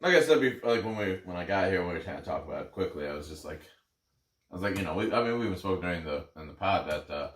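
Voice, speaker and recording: Low-voiced man rambling in echoey room. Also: lively intonation, rapid-fire. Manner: rambling, sweary, self-deprecating. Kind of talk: casual sports banter. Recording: echoey room, distant from mic.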